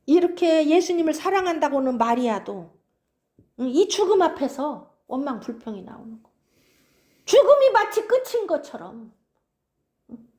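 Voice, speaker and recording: A woman's voice: high-pitched, very animated, normal speed, long pauses, dark tone. A woman preaching an expository sermon, keeps prompting her listeners.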